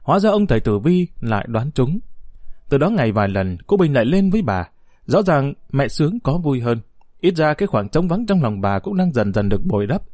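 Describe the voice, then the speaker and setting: Lively male audiobook narrator. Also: medium pitch, no echo, studio quality. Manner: expressive storytelling, voices the characters.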